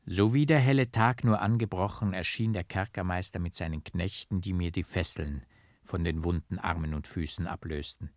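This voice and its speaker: A man reading a classic novel aloud as an audiobook, in a slow, hushed, brooding dramatic manner. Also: sits low, no room sound, studio quality. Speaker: audiobook narrator.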